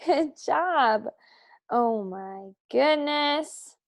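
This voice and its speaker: A woman's voice: sits high, lively intonation. A young woman teacher leading a phonics lesson for young children, encouraging them and praising them often. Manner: slow, sing-song, encouraging with frequent praise.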